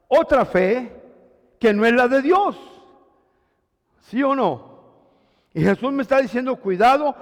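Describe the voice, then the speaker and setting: A male pastor giving an animated sermon, often calling out questions to his congregation. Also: sits high, in a large hall. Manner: animated preaching, calls to the congregation.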